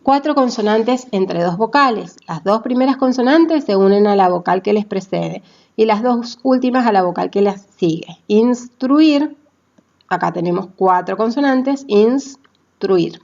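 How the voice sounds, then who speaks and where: A woman's voice: mid-range voice, moderate pace, gravelly, darkish tone, dull audio. A woman language teacher explaining grammar in a classroom manner. She spells out letters and syllables one by one and checks in with her listeners.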